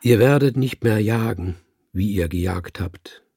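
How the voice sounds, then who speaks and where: Man reading male cat preacher, audiobook, solemn and sonorous, very slow, husky, dry close sound. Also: lowish voice, mellow, no echo. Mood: grave. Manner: sonorous, slow and grave like a sermon.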